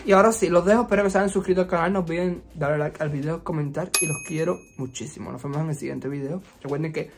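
Speaking quickly with hardly a pause, a young man from Cuba chats through a storytime vlog at a resort vacation rental, his voice a little high and his Cuban Spanish accent clear over some background noise. This YouTuber is expressive and sassy in a playful way, leaning on frequent fillers.

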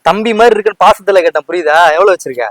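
A man's voice: high-pitched, expressive, racing, over loud music. A man playing a drunk street rowdy in a prank. He slurs, needles his target and keeps repeating himself.

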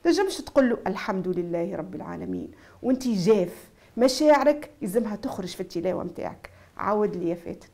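A woman with a Tunisian accent teaching Quran recitation on TV. She explains the rules and then stretches each syllable slowly to demonstrate. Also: medium pitch, expressive, warm tone. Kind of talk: TV recitation lesson.

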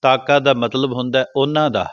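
Male Sikh preacher, mid-pitched, dry and slightly dull close recording, intones verses slowly. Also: dry recording. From Punjab. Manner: chants scripture lines slowly, explains quickly in between. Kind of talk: Sikh religious discourse.

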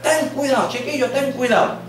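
A man voicing a worried older washerwoman who gives slow, pleading warnings in a high voice, recorded from far off in an echoey room. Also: faint music behind.

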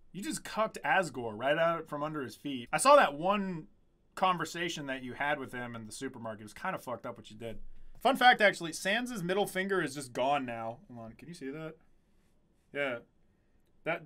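With a desk mic close in front of him in a small, dim room, a game streamer in his twenties gives laid-back livestream commentary, joking, swearing, and reading chat. His voice is on the high side, bright and pushed.

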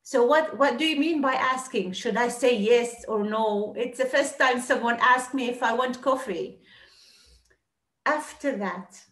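A woman teaching a class, explaining patiently and repeating words slowly. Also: high-pitched, a bit bright, roomy sound. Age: 30s. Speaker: Arabic teacher.

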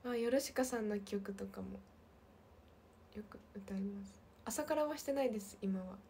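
A woman in her twenties with a light lilt, chatting casually on a livestream and reading viewer comments, often slipping into soft half-whispers. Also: mid-range voice, moderate pace, a little hiss or hum. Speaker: idol livestream host.

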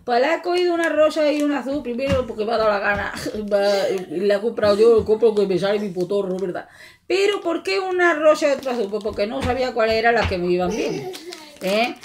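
Vlogger, Andalusian woman, slightly high voice, chatty and jokey, home recording with faint hiss. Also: a little fast. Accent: Andalusian Spanish. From Andalusia, Spain. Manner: chatty, jokey, talks to viewers as friends. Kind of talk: casual shopping haul vlog. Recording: faint background noise.

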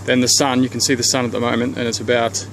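Here a man with a medium-pitched voice tours the outside of his house, from under the deck to the garden, describing the renovation he has in mind while holding the camera himself. His speech is slow and relaxed, full of stops and fresh starts, and faint hiss can be heard.

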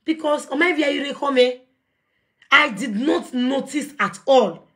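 A woman with a Nigerian accent hosting a live video call, animated and confrontational, mixing Pidgin English. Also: high voice, a little slow. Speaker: talk show host.

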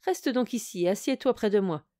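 A woman voicing a stern old woodcutter father in an audio fairy tale, gruff and scolding. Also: medium pitch, animated, a little fast, mellow, lightly acted.

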